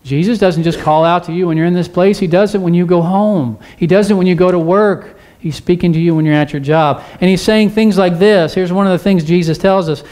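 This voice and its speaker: Here the pastor's voice is high-pitched with a darkish tone, moving fairly quickly with hardly any pauses. He is preaching a church sermon, earnestly urging the congregation through repeated phrases and rhetorical questions.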